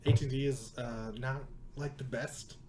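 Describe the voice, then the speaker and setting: A man co-hosting a podcast, telling an animated story in casual chat and laughing often. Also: mid-range voice, moderate pace, a little hiss or hum. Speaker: podcast co-host.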